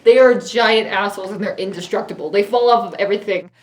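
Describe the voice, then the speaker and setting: A woman's voice: mid-range voice, fast talker. A woman hosting a casual live-stream game chat, telling stories with lots of laughter. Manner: laughs often, animated storyteller. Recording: echoey room, far from the mic.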